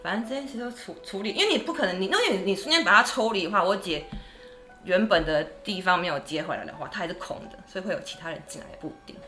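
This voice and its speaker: A woman's voice: mid-range voice, very fast, soft background music. A woman, a guest telling ghost stories in casual chat and acting out the voices she quotes. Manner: animated, acts out quoted voices. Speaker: guest storyteller.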